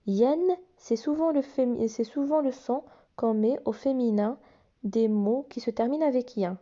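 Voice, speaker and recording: In this phonics lesson, a female teacher explains workbook exercises to young children, patiently spelling out letters and sounds. Her voice is on the high side with a dark tone, at normal speed, and the audio sounds dull.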